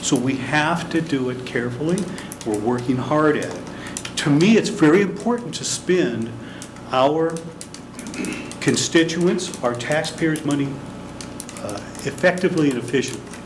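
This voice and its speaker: A man's voice: on the high side, expressive, a little slow. An older man, an elected director, answering a city council from a podium, earnest and defensive. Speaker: elected transit board director. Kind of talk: presenting at a public council meeting. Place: large council chamber, standing at a podium. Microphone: podium microphone. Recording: noisy council chamber recording.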